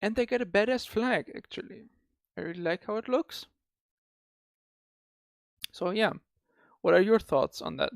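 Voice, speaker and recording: A man's voice: high voice, animated, measured pace, creaky, pauses often, dry recording, clean studio sound. A man hosting a casual gaming discussion, often breaking off and restarting his words. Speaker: podcast host.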